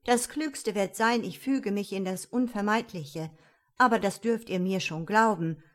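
A woman's voice: mid-range voice, measured pace, lightly acted. A woman voicing a young, dreamy prince who resents becoming king. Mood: weary. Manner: sulky, dramatic outbursts.

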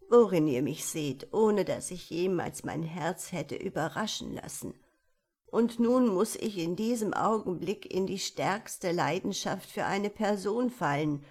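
A woman's voice: lowish voice, darkish tone. A woman voicing a lovesick little hunchbacked old man who pleads in sorrow, in a storybook reading. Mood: sorrowful.

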